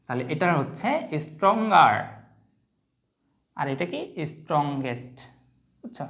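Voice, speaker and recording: A woman English teacher with a Bangladeshi Bengali accent, mixing English words into her talk. She explains grammar step by step, asks quick check questions and drags out example sentences word by word. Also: fairly low pitch. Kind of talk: online grammar lesson.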